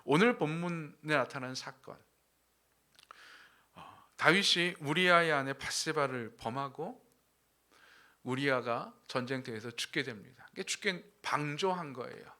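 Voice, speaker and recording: A man's voice: a little high, a little slow. A male pastor preaching a sermon, asking the congregation questions and acting out quotes. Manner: animated preaching with acted quotes and rhetorical questions.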